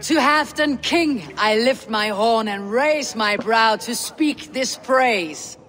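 A woman's voice: a little high, takes it slowly, fairly bright tone, a little hiss or hum. An actress playing a stern, loyal Viking warrior woman in a video game, firm and declamatory. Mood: ceremonial. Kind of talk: dramatic video game acting. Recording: long hall reverb.

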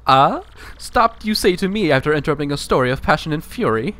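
A man's voice: fairly high pitch, animated, brisk, a bit bright. A man voicing a vain, dramatic merchant adventurer in a video game, with a pompous, theatrical manner. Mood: indignant. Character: vain, boastful, dramatic merchant adventurer, panicking when scared.

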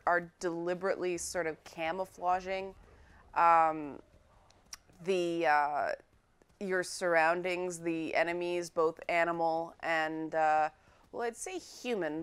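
A woman's voice: lowish voice, clear, resonant tone. A young woman giving chatty, playful commentary while she plays a video game. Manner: chatty and playful, urging her pets on. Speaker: game presenter. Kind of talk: casual let's-play commentary.

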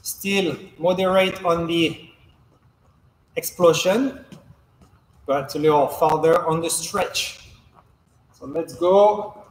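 A young man, a coach, giving calm, measured step-by-step instruction while demonstrating exercises in a large indoor hall. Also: a little high. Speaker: fencing coach. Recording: echoey gym hall, faint background noise.

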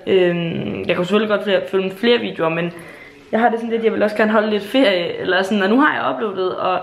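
A woman's voice: mid-range voice, vocal fry, roomy sound. A young woman in her late teens from Jutland, chatting casually in a home vlog in a bubbly, gushing way, with swearing and fillers. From Jutland, Denmark. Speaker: YouTuber. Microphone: handheld camera.

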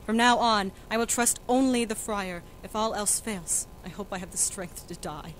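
A woman's voice: mid-range voice, steady tone, moderate pace, background noise, lightly acted. A young woman playing a desperate, defiant young noblewoman who pleads and protests emotionally. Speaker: student actor in a school reading.

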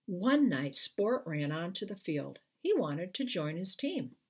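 This is a storytime reading to camera by a children's author, a woman aged sixty or more with a husky, lowish voice. She's in a small living room at home, reading with deliberate expression and slipping in brief explanations along the way.

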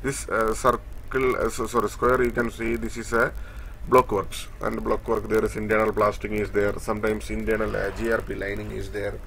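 A man giving a screen-share technical tutorial, explaining step by step in a halting way with many fillers as he points across a drawing. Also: lowish voice, level tone, creaky, fairly bright tone, slight background noise. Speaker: instructor.

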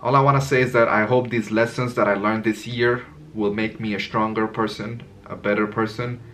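This vlogger, in his twenties, speaks at a normal pace with a slightly low, bright voice and flat delivery. Sitting in a curtained room at home, he gives an unscripted, reflective monologue to camera, rambling candidly and groping for words as he works through his thoughts.

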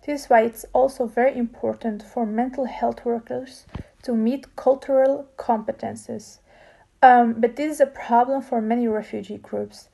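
A woman's voice: fairly high pitch, fairly even intonation, moderate pace, gravelly, mellow. A young woman giving a class presentation to a close phone camera, earnest and reading with small slips. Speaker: student presenter.

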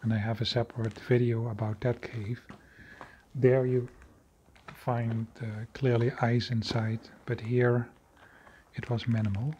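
Slow, mellow-voiced man narrating. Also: medium pitch, flat delivery, muffled recording, a little hiss or hum. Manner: slow, halting, with frequent fillers and restarts. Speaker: video creator exploring a cave. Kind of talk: unscripted voice-over narration.

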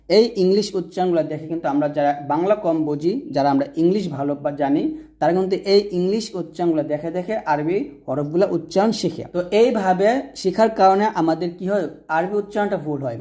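A woman with a Bangladeshi Bengali accent teaching Arabic letter pronunciation, patiently repeating each sound slowly. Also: lowish voice, warm tone. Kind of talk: explaining letter by letter.

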